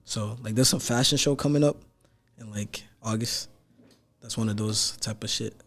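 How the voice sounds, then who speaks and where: A man's voice: fairly low pitch, moderate pace, fairly bright tone. A teenage man from Nigeria, a rapper guesting on a podcast, talking casually and rambling with lots of filler words and slang. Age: teens.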